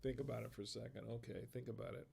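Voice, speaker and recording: A man's voice: mid-range voice, steady tone, very fast, creaky, darkish tone, slight background noise. American man laughing at his own dad jokes. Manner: reads chat comments aloud. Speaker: livestream host. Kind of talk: casual live-stream chat.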